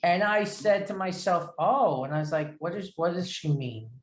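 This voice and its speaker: With a New York area accent, this interview host, from New York or New Jersey, keeps things casual, rambling, chatty, and self-deprecating. His voice sits high and is expressive at a moderate pace, and the room sounds echoey.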